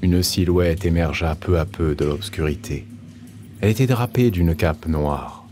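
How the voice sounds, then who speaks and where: Male narrator, very deep voice, steady, measured, slight background hiss. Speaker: audiobook narrator. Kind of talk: scripted audiobook narration.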